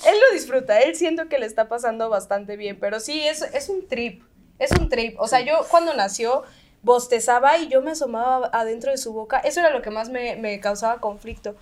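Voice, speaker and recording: High-voiced Mexican woman, chatty and candid. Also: a little fast, a little mellow. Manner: candid, rambling storyteller with slang. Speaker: podcast host, new mother. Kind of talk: casual chat.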